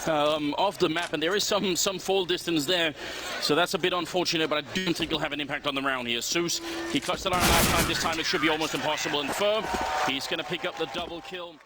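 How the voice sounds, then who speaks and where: A man's voice: fairly high pitch, steady tone, fast, over music. A man giving running commentary on a match as an esports caster. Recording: loud game gunfire behind voice. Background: gunfire from a video game.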